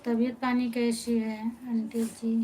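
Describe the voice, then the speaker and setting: A woman's voice: a little high, completely flat delivery, a little slow, warm tone, a little hiss or hum, poor audio. A woman from of that region, hosting a live stream and patiently greeting viewers by name while answering their comments. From Pratapgarh, Uttar Pradesh, India. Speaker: live-stream host and folk singer. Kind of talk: casual live-stream chat, reading viewer comments aloud.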